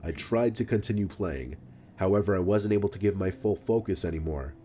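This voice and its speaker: A man reading a scripted story in a calm, measured narration. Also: sits low, slight background noise.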